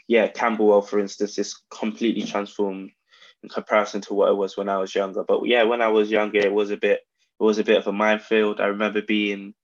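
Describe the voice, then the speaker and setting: A man with a South London accent giving reflective, conversational interview answers in a measured, halting way. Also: fairly low pitch, muffled recording. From South London, England. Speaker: interview guest, brand founder.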